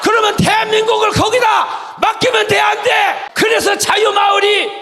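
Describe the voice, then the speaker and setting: A man from the Jeolla region shouts a fiery political speech in a very high, strained register, hurling rhetorical questions at his listeners. His voice rings through a large hall with a long reverb tail, and a faint crowd murmurs behind him. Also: fairly even intonation, normal speed, vocal fry, a little hiss or hum. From Jeolla region, South Korea. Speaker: rally speaker.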